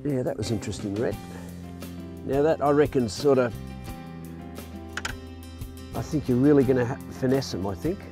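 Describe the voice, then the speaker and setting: A man explaining lure technique while fishing outdoors on a jetty, in a relaxed, upbeat way. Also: medium pitch, moderate pace, pauses often, over music. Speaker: angler demonstrating lures. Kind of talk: casual fishing demonstration. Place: outdoors on a marina jetty by the water.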